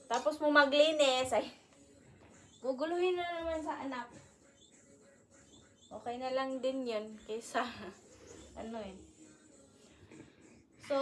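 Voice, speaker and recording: This casual vlog shows a young mother at home speaking to her phone camera and cooing baby talk to her infant. Her voice is a little high with a fairly bright tone, and a little hiss or hum is audible.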